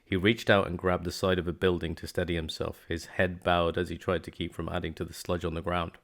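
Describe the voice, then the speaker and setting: A man reading a fantasy novel aloud as an amateur narrator, in a steady, measured way. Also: deep voice. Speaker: hobby book reader.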